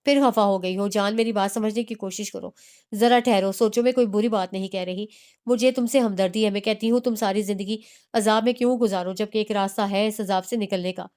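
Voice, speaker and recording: A woman's voice: mid-range voice, steady tone, darkish tone, smooth, close to an everyday voice. A woman doing a coaxing, scheming friend. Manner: coaxing, insistent.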